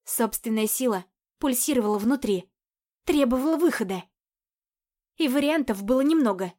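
A woman's voice: a little high, animated, moderate pace, darkish tone. Woman reading a romance audiobook. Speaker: audiobook reader. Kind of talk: first-person romance audiobook narration.

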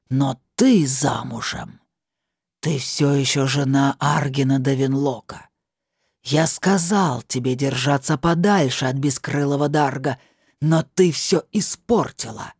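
A woman voicing a husky taunting invisible spirit. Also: very deep voice, a little mellow, no echo, clean studio sound, heavily acted. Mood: stern. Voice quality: husky, slow and drawn out. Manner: taunting, scornful. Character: mocking cruel invisible male spirit. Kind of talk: audiobook narration.

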